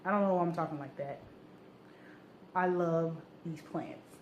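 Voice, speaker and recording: A woman talking casually in a sewing vlog, chatty, excitable and prone to rambling. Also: deep voice, unhurried, highs cut off. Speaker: sewing vlogger. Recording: roomy echo, faint background noise.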